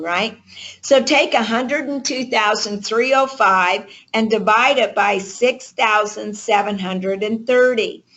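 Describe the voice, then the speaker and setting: Through lo-fi conference-call audio, a woman with a fairly bright, medium-pitched voice delivers motivational coaching to a group. She's emphatic, often checking in with rhetorical questions.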